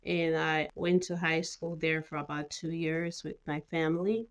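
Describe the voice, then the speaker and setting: Her voice sits low with a steady tone at a moderate pace. She is a middle-aged Cameroonian mental health nurse practitioner chatting casually as an interview guest, sprinkling in plenty of filler phrases and "you know."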